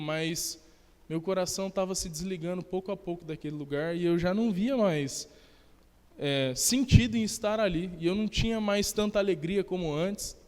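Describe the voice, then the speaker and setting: A young Brazilian man giving an animated testimony during a church service, acting out the dialogue of his story. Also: high-pitched. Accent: Brazilian Portuguese. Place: church sanctuary. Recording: long church hall reverb.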